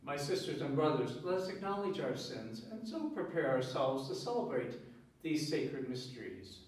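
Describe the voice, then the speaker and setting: A man, a priest, leading Mass in a measured, solemn way, his voice ringing with cathedral echo. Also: medium pitch, lively intonation. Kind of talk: liturgical prayer and scripture reading. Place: large reverberant church. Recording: heavy church echo, mic far off.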